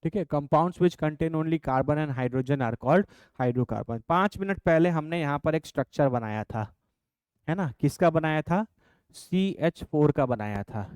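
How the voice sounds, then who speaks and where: Male teacher, crisp voice with a raised pitch, explains and dictates notes patiently. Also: expressive, darkish tone, no room sound. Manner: dictates definitions slowly, calls students "babu". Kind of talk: classroom chemistry lesson.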